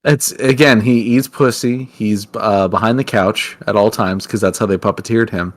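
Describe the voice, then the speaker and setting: A man's voice: on the low side, fairly even intonation, normal speed. Goofy teasing man on a podcast. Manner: goofy, teasing, slips into silly voices. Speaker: podcast co-host. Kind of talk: casual chat.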